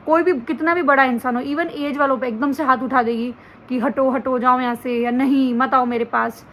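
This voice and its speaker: High-voiced young mom venting. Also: female voice, fairly bright tone, a little hiss or hum, poor audio. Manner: frank, venting, rambling with many fillers. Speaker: mom vlogger. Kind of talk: casual confessional chat to camera. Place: indoors at home beside a sleeping child.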